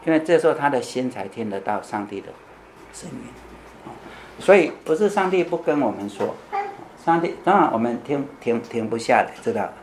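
A preacher delivers a conversational sermon, posing questions to the congregation and answering them himself, repeating key phrases and tagging lines with "you know?". His mid-range voice is animated and brisk with a darkish tone and a little hiss or hum.

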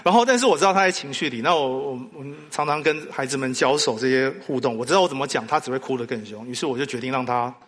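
Fast and with hardly any pauses, a male pastor at medium pitch tells stories during his sermon and puts questions to the congregation. He delivers it with animated, rhetorical flair, and the recording carries long hall reverb.

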